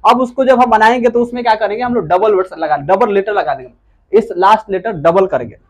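Man, grammar teacher, high voice, lecture style, asks and answers his own questions. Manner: asks rhetorical questions and answers them himself; repeats key words slowly for emphasis. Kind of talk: classroom lecture.

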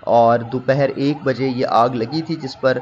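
A man's voice: medium pitch, fairly even intonation, slow pace, lo-fi sound, a little hiss or hum. A man from Pakistan reading a news report as a voice-over, in formal wording with many hesitations and restarts.

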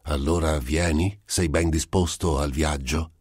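A man's voice: a bass voice, fairly even intonation, a little slow, darkish tone, husky, dry recording, studio quality, full character voice. A man reading an audiobook, voicing a mocking devil disguised as a man who taunts an old scientist. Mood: taunting. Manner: taunting, sardonic.

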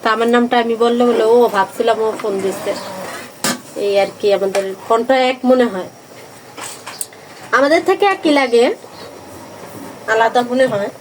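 Woman, gentle step-by-step cooking talk, kitchen recording with loud sizzle. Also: fairly high pitch, moderate pace, pauses often, background noise. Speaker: vlogger's sister, cook. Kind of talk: casual cooking explanation. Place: home kitchen.

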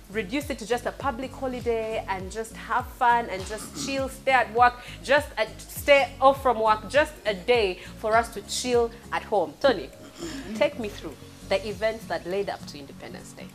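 A woman's voice: on the high side, lively intonation, normal speed, soft background music. A young Ugandan woman hosting a casual talk show in a salon, teasing her guests and laughing often. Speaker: host. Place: salon set, indoors. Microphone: lapel mic.

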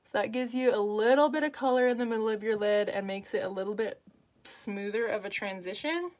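A woman's voice: mid-range voice, fairly quick, a little mellow. A woman talking through a makeup tutorial in a chatty, upbeat way, with lots of fillers as she works. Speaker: makeup artist.

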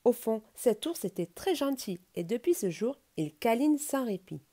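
Bedtime-story reader: woman, lively melodic delivery, warm mellow tone, playful. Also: on the high side. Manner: animated, playful, dramatic pauses.

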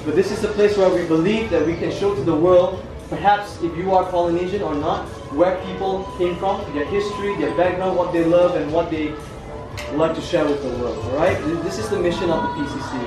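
The guide, a Malaysian man in his twenties, talks a little fast in a high voice while leading a group through an outdoor cultural park with food trucks. He's playful and jokey, calling them "family." Music plays over the scene, and the audio from a camera a few steps away is poor.

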